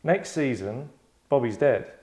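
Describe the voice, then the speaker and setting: With lively intonation and a measured pace, a man hosts an actors' table read in London, his voice medium-pitched and mellow. He explains things to the group in a casual, rambling way that turns sardonic and mock-dramatic.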